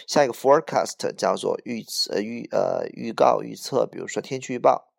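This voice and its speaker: A man's voice: lowish voice, moderate pace, gravelly. A man teaching English vocabulary in Chinese, patiently explaining each word and giving short examples. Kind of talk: vocabulary lesson.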